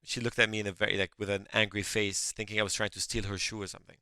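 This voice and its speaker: Here the French-born founder, a middle-aged guest speaking English as a second language, talks rapid-fire in a level, sharp, fairly low voice. He answers the interviewer earnestly, frequently starting sentences over, and the audio is smooth without any room sound.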